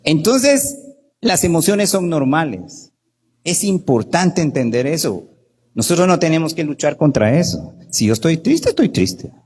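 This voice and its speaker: A man, a doctor, giving an animated workshop talk in Guatemalan Spanish, often asking "¿verdad?" and acting out the people he quotes. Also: a little high, unhurried, slightly rough.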